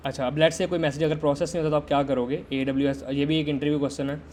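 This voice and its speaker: Flat-voiced man teaching system design. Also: fairly high pitch, racing, slight background noise. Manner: conversational, quizzes viewers and waits for chat answers. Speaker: tech instructor. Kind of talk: live-streamed system design lesson.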